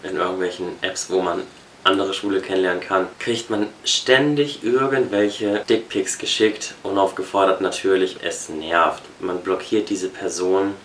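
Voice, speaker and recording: Deep-voiced young man, distant and echoey. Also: fairly even intonation, moderate pace, a bit bright, slight background noise. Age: 20s. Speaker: civil servant. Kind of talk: documentary interview answers.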